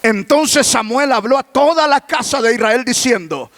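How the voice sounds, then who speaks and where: A male pastor preaches a sermon, asking the congregation rhetorical questions and breaking into shouts. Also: very high-pitched, normal speed, dry recording.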